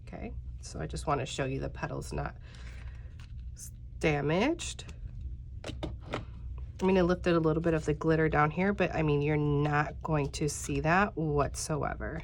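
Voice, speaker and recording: The voice is low-pitched and fairly bright, with slight background noise in the recording. A thirtysomething woman, a bit nasal and congested, chats casually with viewers during a step-by-step craft tutorial, addressing them directly and using lots of fillers.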